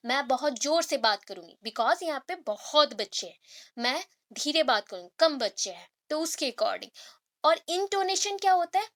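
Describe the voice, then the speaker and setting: A woman's voice: high voice, a bit bright. A woman teacher giving an exam-prep lecture, explaining patiently with everyday examples and frequent check-ins with her students. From India. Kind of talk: exam-prep lecture mixing Hindi and English.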